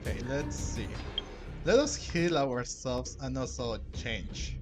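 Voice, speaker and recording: Over video game music, a man with a medium-pitched voice takes it slowly while recording a playthrough. His commentary is casual and rambling as he thinks aloud while playing.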